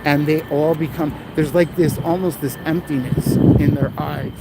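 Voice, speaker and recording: A man talks in a relaxed, agreeable way, often nodding along with "yeah" and "absolutely." His voice sits a little high, and he is recording himself on a phone for a livestream outside. Loud traffic and street sound fill the background. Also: normal speed, gravelly. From United States. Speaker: livestreamer and protester. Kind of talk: casual street conversation on a livestream. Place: outdoors on a city street with traffic. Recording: outdoor street noise and passing cars.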